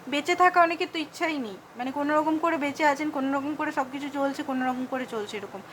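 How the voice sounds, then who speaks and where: A woman with a Bengali accent giving a fast, repetitive tarot reading and advice, mixing in English words. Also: high-pitched, a bit bright, slight background noise, low-quality recording. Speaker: tarot card reader.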